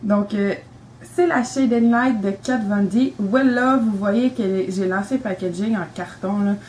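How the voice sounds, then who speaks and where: A woman's voice: mid-range voice, a little slow, a little mellow, slight background noise, rough recording. A young woman with a Quebec French accent, talking casually and enthusiastically about her makeup, rambling with lots of fillers. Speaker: beauty vlogger.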